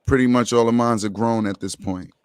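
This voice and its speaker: A middle-aged man hosting a casual online chat over a video call, talking in a relaxed, slangy way. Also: mid-range voice, brisk, clear, resonant tone, no room sound, studio quality. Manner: relaxed, slangy everyday speech. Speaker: podcast host.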